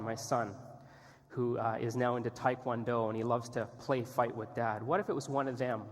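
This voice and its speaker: A male missionary telling an earnest, candid story as a sermon testimony in a church. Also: medium pitch. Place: church sanctuary. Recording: long reverb in a church hall.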